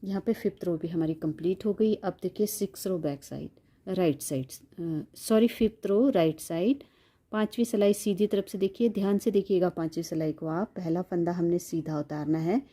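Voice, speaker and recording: A woman with a low, very dark and mellow voice walks viewers through a knitting pattern. She speaks slowly and patiently, repeating steps and counting stitches aloud. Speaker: knitting instructor. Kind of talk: step-by-step knitting tutorial.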